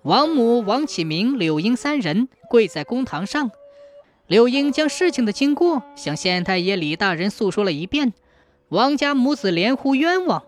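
A woman telling a dramatic folk tale as a storyteller, in an expressive way. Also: moderate pace. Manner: expressive, sweeping pitch.

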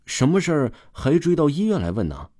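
A man's voice: a little high, huge pitch swings, brisk, dark tone, dry recording, studio quality, voice pushed up. A man voicing a chatty middle-aged swim coach. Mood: anxious.

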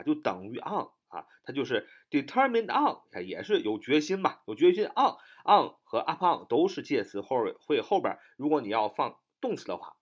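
A man teaching English vocabulary, spelling each word letter by letter, repeating it, and tagging his phrases with a drawn-out "ah". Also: mid-range voice. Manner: ends phrases with a drawn-out "ah" particle. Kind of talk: vocabulary lesson.

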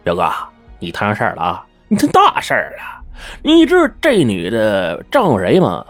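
一位男性说书人演绎一个油滑、爱巴结又大惊小怪的混混男子。. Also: male voice, on the low side, moderate pace, no room sound, soft background music, heavily acted. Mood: alarmed. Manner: fawning, scheming, excitable. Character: sly wheedling male small-time hustler.

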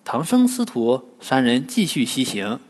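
A man narrating a classic tale for children in an expressive storytelling manner. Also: medium pitch, a little slow. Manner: lively, expressive. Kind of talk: scripted narration.

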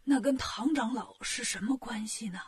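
A woman doing a frail, breathy old king. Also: a little high, moderate pace. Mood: feeble. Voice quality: breathy whisper. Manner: feeble and sighing.

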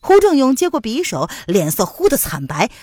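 Lively woman storyteller, bright voice. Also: on the high side, normal speed, slightly rough, dry recording. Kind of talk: martial-arts novel narration.

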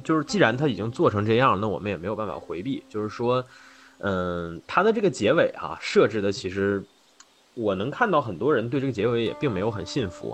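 A man co-hosting a casual podcast discussion, musing reflectively with hesitations and fillers. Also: lowish voice. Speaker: podcast co-host.

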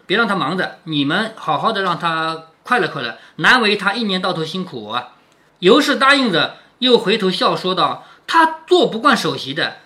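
A man's voice: high-pitched, pushed and bright. A man reading a classic novel aloud and explaining each passage, often asking the listener whether they follow. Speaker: reader and commentator of a classic novel.

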